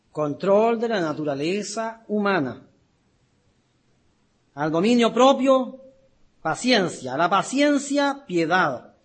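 A man delivers a sermon in a high, husky voice, unhurried and deliberate. He reads scripture aloud and dwells on key words, repeating them for weight. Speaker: preacher. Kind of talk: sermon with Bible reading.

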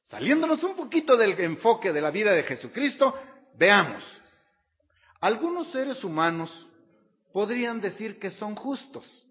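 A man preaching a sermon in a high, lively voice that swings widely in pitch. He speaks slowly, reading scripture aloud and repeating each verse reference. The sound is dull and carries a long hall reverb.

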